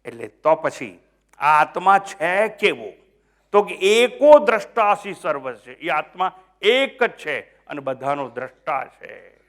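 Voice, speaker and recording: A high-voiced older swami with a Gujarati accent delivers a sermon. He drops to near murmurs, then rises to loud, emphatic points. He keeps quizzing his listeners and mixes English phrases into his talk. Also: big pitch swings, slow pace. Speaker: swami giving a spiritual discourse.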